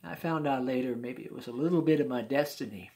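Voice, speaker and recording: Gravelly older man telling a folksy story. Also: mid-range voice, quick pace. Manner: folksy, chuckling, warm-hearted asides.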